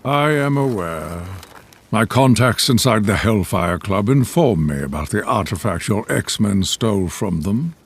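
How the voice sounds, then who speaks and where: Slow, gravelly Magneto, proud supervillain. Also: male voice, fairly low pitch, animated. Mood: cold contempt. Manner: haughty, deliberate, theatrical. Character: proud, menacing older male mutant supervillain. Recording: game cutscene with noise underneath.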